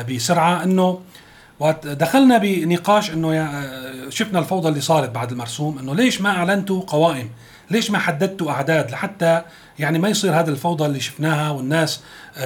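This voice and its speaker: Fast-talking Syrian man commenting on news. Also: a little high. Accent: Syrian Arabic. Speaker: political commentator.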